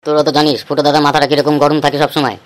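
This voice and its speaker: Woman doing a stern village strongman, low. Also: flat delivery, rapid-fire, slight background noise, natural voice. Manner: commanding, clipped orders. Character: stern male village strongman who judges disputes. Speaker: voice actor. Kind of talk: cartoon voice acting.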